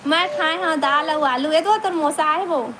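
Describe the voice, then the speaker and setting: A woman's voice: sits high, moderate pace, background noise. A woman with a Chhattisgarhi accent, chatting casually on her live stream, greeting viewers by name and laughing often, on a phone mic. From Chhattisgarh, India.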